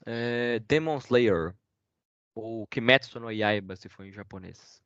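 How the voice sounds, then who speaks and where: A man's voice: lowish voice, takes it slowly, a bit bright, clear, resonant tone, dry recording. Guest speaker, Brazilian man, rambles hesitantly; dull, dry video-call sound. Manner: hesitant, rambling, many fillers and restarts. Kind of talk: casual online talk with Q&A.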